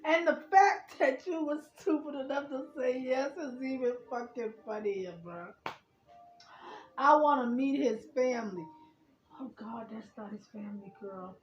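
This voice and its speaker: A woman's voice: sits high, measured pace, soft background music. A woman in a casual, incredulous, profanity-laced reaction rant. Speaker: vlogger reacting to a radio advice segment. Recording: roomy, slightly dull home recording.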